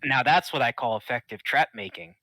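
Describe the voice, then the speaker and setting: A man's voice: mid-range voice, fairly quick, sharp tone, dry recording. A man chatting casually and improvising as a player in a tabletop role-playing game.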